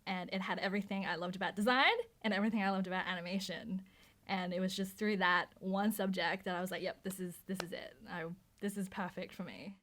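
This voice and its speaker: A woman's voice: medium pitch, steady tone, fast, fairly bright tone. A woman in her thirties, raised in Australia, answering interview questions about her design career, chatty with frequent fillers and restarts. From Hong Kong, raised in Australia. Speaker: motion designer.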